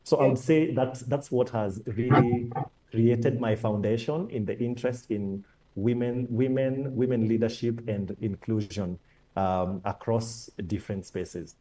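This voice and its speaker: A man speaking as a panel guest, earnest and halting, often repeating and restarting his words. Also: medium pitch, steady tone, mellow, poor audio. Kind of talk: conversational panel talk.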